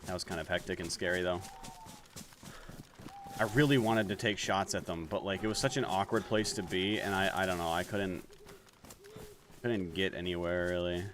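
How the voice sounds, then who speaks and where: Deep-voiced man musing over gameplay. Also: moderate pace, pauses often, noisy background. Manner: thinking aloud, musing and self-correcting. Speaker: streamer. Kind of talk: casual gameplay commentary.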